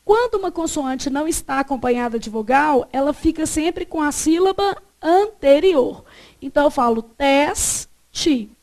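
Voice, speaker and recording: A Brazilian woman with a high voice teaches grammar to a class. She fires questions at the students and answers them herself. When she dictates a rule she slows right down and says it again and again. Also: expressive, darkish tone. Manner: dictates rules slowly, repeating each one. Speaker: Portuguese teacher.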